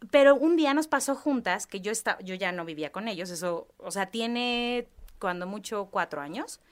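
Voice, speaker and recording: A young Mexican woman telling a personal story in a casual chat, animated, acting out voices and screams. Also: medium pitch, normal speed. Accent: Mexican Spanish. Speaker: podcast guest.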